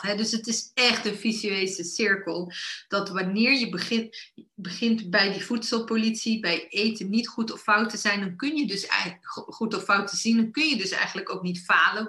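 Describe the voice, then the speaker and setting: Woman with a bright voice, coaching chat, lots of ums and restarts, echoey room. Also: medium pitch. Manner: coaching, many fillers and restarts, acts out inner voices. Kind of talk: casual talk.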